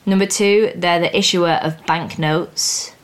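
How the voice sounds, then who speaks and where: A woman's voice: fairly low pitch, fairly even intonation, a little slow. A young woman hosting a podcast and explaining finance exam topics in a plain, chatty, upbeat way. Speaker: podcast host teaching finance exams. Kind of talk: casual educational podcast.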